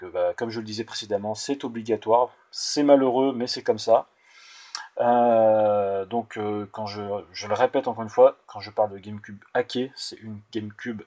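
Man, young adult, tutorial host, mid-pitched, hesitant, lots of fillers and restarts. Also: a little mellow. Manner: hesitant, many fillers and restarts, repeats "donc". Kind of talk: screen-recorded tech tutorial.

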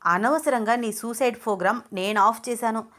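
A woman voicing a brash, short-tempered young man who talks loudly and bluntly in a told story. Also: on the high side, fairly quick, natural voice. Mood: stern. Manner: loud, scolding, blunt.

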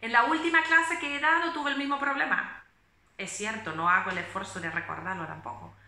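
A woman in her late twenties, a phonetics teacher, giving a pronunciation lesson with slow, deliberate explanations and hesitant fillers. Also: fairly high pitch, fairly even intonation, creaky, pushed and bright, echoey room, a little hiss or hum. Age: late 20s. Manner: reads German prose aloud in a measured voice. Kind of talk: German phonetics lesson in Spanish.

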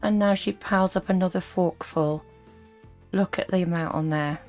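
A woman's voice: fairly low pitch, steady tone, moderate pace, a little mellow, faint music behind. A woman giving critical reaction commentary as host, disapproving and full of sarcastic asides.

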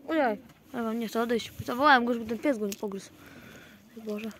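A man's voice: very high-pitched, steady tone, fairly quick, bright, forceful tone, a little hiss or hum. Rambling man outdoors among cooing pigeons. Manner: rambling, frequent fillers and restarts. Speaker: pigeon keeper. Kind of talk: casual vlog narration to viewers.

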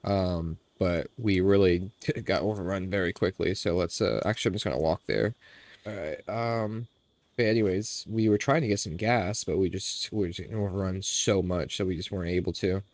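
The recording is dry, and the young man's nasal voice sits low at a normal speed. Streaming a game from a room at home, he speaks through a headset with casual, relaxed commentary, calling his viewers "boys."

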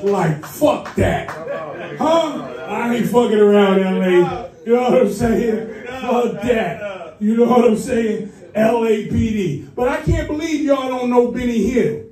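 A man from Boston doing a loud, crude stand-up set, shouting at the crowd in a comedy club. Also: extremely high pitch, a little slow, far from the mic. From Boston, US East Coast. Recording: roomy club sound from afar, music.

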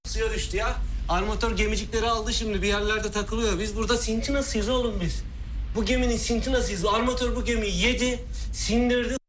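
A man's voice: high-pitched, steady tone, a little fast, a bit bright, slight background noise. An actor playing a volatile, menacing stranded sailor who taunts and threatens his crewmates. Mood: ranting. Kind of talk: film drama acting.

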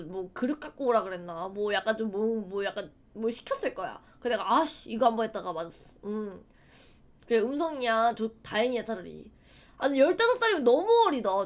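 Fields: Sex: woman. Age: 20s. Pitch: high. Role: streamer. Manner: chatty, laughing, acts out memories. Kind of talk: casual livestream chat.

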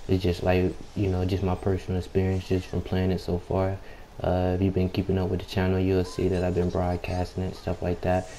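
A young man with a low, subdued voice giving unhurried, laid-back, slangy casual gameplay commentary. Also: monotone, mellow, rough recording. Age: young adult. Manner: unhurried, laid-back, slangy, frequent "you know" filler; keeps clearing throat. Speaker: gaming YouTuber. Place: at home late at night, people nearby. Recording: home mic with background noise.

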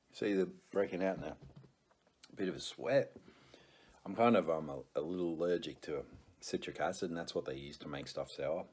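A middle-aged man chatting casually to a camera on the table while eating sour candy, pausing and reacting as he tastes. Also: deep voice, a little mellow. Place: small room indoors. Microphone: camera on the table in front. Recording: clear background noise, crinkling wrappers.

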